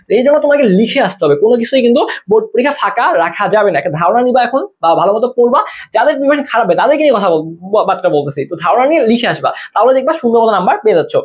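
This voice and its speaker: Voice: medium pitch, husky. A tutor gives a casual whiteboard exam-prep lesson, chatty and full of questions that the tutor answers right away. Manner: rapid, chatty, asks and answers own questions.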